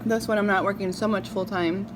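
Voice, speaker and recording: Female mukbang vlogger, mid-range voice, talks while eating; confessional, pausing, reflective; noticeably noisy recording. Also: medium pitch, fairly even intonation. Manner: chewing and eating while talking; reflective, halting, with drawn-out words and pauses. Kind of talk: casual confessional chat to viewers. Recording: clearly noisy background.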